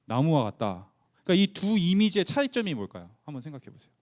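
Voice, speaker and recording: A man's voice: a little high, sing-song, quick pace, a little mellow. A young man preaching to a youth group in a conversational way, asking the listeners questions and acting out the Bible figures' lines in casual speech. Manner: asks the listeners questions and answers them himself. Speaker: youth pastor.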